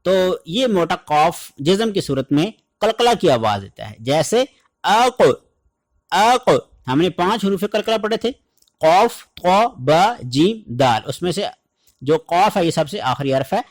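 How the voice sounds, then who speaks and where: Man, high voice, online recitation teacher, clear explanations, slow melodic chanting. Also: sing-song. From Pakistan. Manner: explains letter sounds, then recites drawn out in melodic chant.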